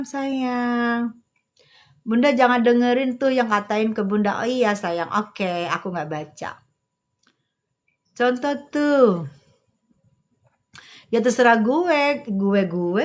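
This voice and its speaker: A middle-aged woman hosting a livestream on a phone, chatting with viewers in a sassy, teasing, slangy manner and speaking slowly and carefully. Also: fairly high pitch. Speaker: livestream host. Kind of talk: casual livestream chat reading viewer comments.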